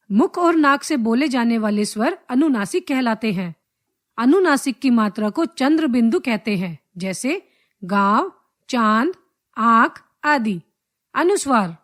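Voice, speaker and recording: Woman teacher, high voice, unhurried, careful delivery of a scripted lesson. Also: lively intonation. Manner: measured, drawn-out reading of letters and examples. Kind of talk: slow scripted grammar lesson.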